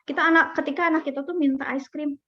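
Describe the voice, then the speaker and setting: Young woman, slightly high voice; casual parenting talk, chatty with fillers, on a dull lo-fi recording. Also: steady tone, fast talker. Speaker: parenting speaker.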